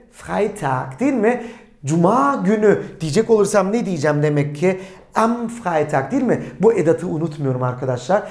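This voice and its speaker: A German language teacher explaining in a lesson, asking the viewers questions and then answering them, and saying German example sentences slowly and clearly. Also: mid-range voice, a little mellow, echoey room. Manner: asks the viewers rhetorical questions and answers them, calling them friends.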